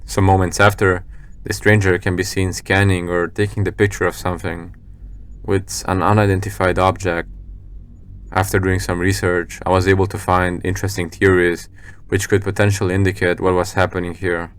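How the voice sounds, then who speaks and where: A man reading scripted narration for a scary video compilation in a measured, serious storytelling manner. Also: sits low, flat delivery, clear, resonant tone.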